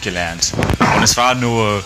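In a casual chat, an Australian man whose native language is English gropes for words in imperfect German, his Australian accent clear. He speaks at a measured pace in a lowish voice, and the poor audio has music playing behind him.

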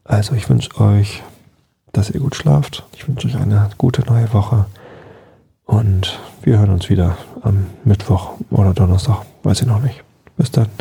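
Gravelly, husky man reading a bedtime story. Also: lowish voice, unhurried, dark tone. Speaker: podcast host reading a story aloud.

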